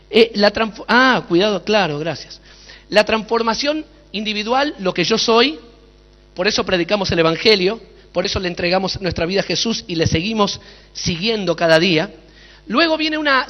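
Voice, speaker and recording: A male pastor, preaching a sermon with dramatic storytelling, sudden shouts and rhetorical questions. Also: high voice. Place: large hall at a conference. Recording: echoey hall, dull lo-fi sound.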